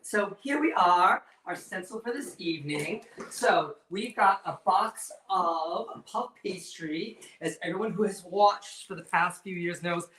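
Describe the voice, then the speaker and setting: A man's voice: high-pitched, a little slow, few pauses, bright, forceful tone. A man hosting a casual live cooking show with campy, playful drag queen banter and cheeky innuendo. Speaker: host of a cooking demonstration. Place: indoor kitchen with stone counter. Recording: roomy echo, distant mic, faint noise.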